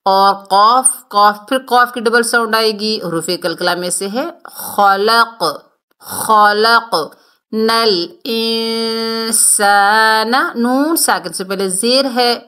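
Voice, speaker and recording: A woman teaching Quran recitation in Urdu, explaining tajweed rules and modeling each word with slow, drawn-out Arabic recitation. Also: on the high side, bright, forceful tone. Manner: instructive, repeats each word to model correct sounds.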